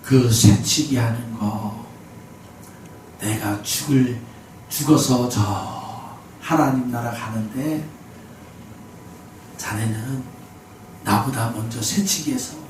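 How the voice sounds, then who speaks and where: A man voicing a gentle ninety-year-old man who speaks slowly and haltingly. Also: medium pitch, a little hiss or hum, voice pushed down, lightly acted. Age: 90s. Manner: stammering, slow. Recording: very echoey hall, mic at a distance.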